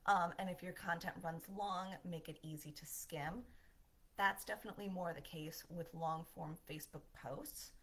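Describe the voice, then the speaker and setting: A woman's voice: lowish voice, normal speed, a bit bright. A woman giving a marketing lesson as a voiceover, upbeat and conversational, with a smile in her voice. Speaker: marketing instructor.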